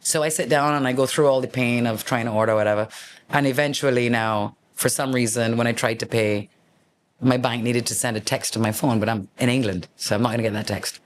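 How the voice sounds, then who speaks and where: Animated middle-aged man telling stories. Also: mid-range voice, fairly quick, slight background noise. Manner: animated, acts out the people in his stories. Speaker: host, former radio host. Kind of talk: casual storytelling monologue.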